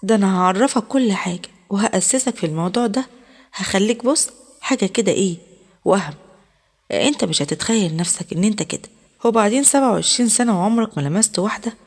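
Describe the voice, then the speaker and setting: A woman's voice: mid-range voice, animated, quick pace, darkish tone. A woman with an Egyptian accent voicing an insistent, coaxing woman doctor in her fifties. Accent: Egyptian Arabic.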